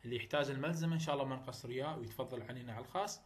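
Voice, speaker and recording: Iraqi man teaching English vowels. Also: medium pitch. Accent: Iraqi Arabic. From Iraq. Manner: chatty, repeats example words slowly over and over. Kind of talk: recorded lesson on English vowel sounds.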